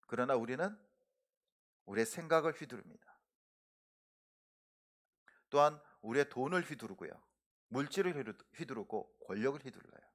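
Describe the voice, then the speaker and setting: A middle-aged male pastor giving a sermon in a church, preaching earnestly, pressing his points hard and letting his sentence endings fall soft. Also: medium pitch. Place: church sanctuary.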